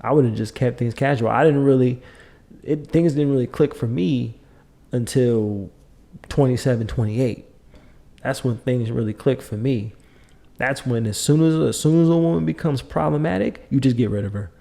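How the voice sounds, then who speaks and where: Middle-aged male podcast host; mid-pitched, warm dark timbre; emphatic, repetitive, lecturing delivery. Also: moderate pace, creaky. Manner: emphatic, lecturing, repeats points. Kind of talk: opinionated monologue.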